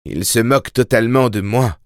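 A man's voice: mid-range voice, moderate pace, dry recording, clean studio sound, voice pushed up, lightly acted. A man voicing a desperate young mother who pleads urgently, raising his voice for her.

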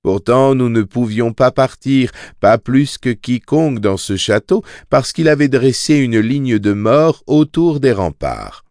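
A man's voice: medium pitch, expressive, measured pace, few pauses, a little mellow, no echo, clean studio sound, pitched above the performer's own voice. A man voicing a polite, approving but hypocritical male figure in an audiobook reading. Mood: grave.

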